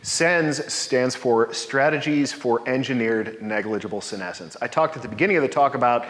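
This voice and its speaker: A man's voice: mid-range voice, normal speed, fairly bright tone. Man in his forties lecturing in a reverberant hall. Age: 40s. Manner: explanatory, personal, upbeat. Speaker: presenter. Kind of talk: conference talk with slides. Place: dark lecture hall, standing at a podium. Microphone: podium mic from a distance.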